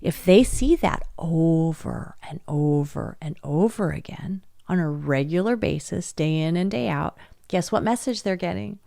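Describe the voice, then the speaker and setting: Animated woman presenter, dry close sound. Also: on the low side, unhurried, gravelly, no echo. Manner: lively, acts out quoted voices, laughs often. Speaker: webinar presenter. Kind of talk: teaching webinar talk to parents. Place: home office, not in the same room as her audience.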